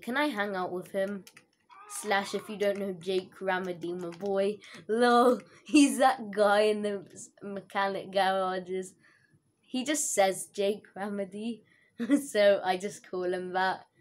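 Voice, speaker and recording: A woman's voice: medium pitch, takes it slowly. A woman giving casual, giggly commentary over her own gameplay, laughing often and dropping internet slang. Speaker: gaming video host.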